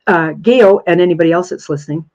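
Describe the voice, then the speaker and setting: A woman's voice: on the low side, quick pace, a little mellow, highs cut off. A woman in her thirties hosting a live spiritual question-and-answer session, talking earnestly and effusively and repeating phrases for emphasis. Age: 30s. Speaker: spiritual Q&A host.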